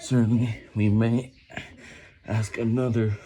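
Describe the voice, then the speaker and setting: A man reading a book aloud while doing push-ups, sounding effortful and halting, stumbling over words and repeating them. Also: lowish voice, little pitch movement, warm tone, husky. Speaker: amateur vlogger reading aloud.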